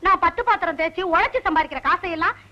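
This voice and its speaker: A woman playing a scolding wife in a film comedy, exasperated and sharp-tongued. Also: very high voice, racing, lo-fi sound.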